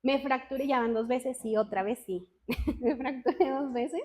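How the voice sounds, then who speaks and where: A woman teaching the Bible to a women's group in a chatty, self-mocking way, asking her listeners questions and reading scripture slowly. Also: sits high, darkish tone. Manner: reads scripture slowly and deliberately. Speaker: women's ministry speaker.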